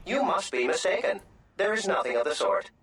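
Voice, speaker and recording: A man's voice: high voice, big pitch swings, fairly quick, fairly bright tone, breathy edge, exaggerated voice. An actor voicing a prim, courteous male service droid who talks in a formal, fussy way, heard as game audio. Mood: polite.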